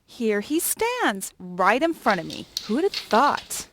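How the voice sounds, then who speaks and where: A woman's voice: a little high, sing-song, slow pace, fairly bright tone, slight background noise, full character voice. An actress playing a sarcastic, scornful young woman shopkeeper in a video game, mocking and theatrical.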